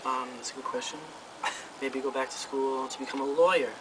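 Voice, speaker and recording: A man's voice: medium pitch, level tone, fairly quick. A nineteen-year-old man, a band's guitarist and singer, joking and chiming in during a casual interview. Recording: faint noise, from some distance.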